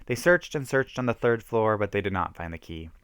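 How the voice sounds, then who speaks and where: In a dry, clean studio recording, a man performs a dramatic reading of a horror story he wrote himself. His lowish, fairly bright voice is smooth and expressive, moving at a brisk clip with theatrical emphasis and occasional stumbles.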